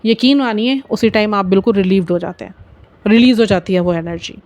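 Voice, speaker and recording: A woman's voice: medium pitch, brisk, a little mellow. A middle-aged woman tells devotional stories of her faith to viewers, earnestly slipping English words into her Hindi. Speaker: spiritual storyteller.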